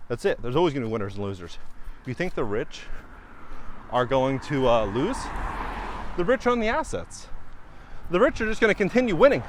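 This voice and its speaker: A man giving emphatic, animated casual commentary as a vlog host, repeating his points for stress. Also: mid-range voice. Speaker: real estate investor and channel host.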